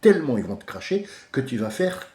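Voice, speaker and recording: A man of medium pitch giving a religious talk, heated and wandering off topic, sometimes quiet and thoughtful, sometimes shouting. His voice rings in an echoing room. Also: sing-song, a little fast. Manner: passionate, digressive, swings from soft musing to loud ranting. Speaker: religious speaker. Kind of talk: informal religious commentary.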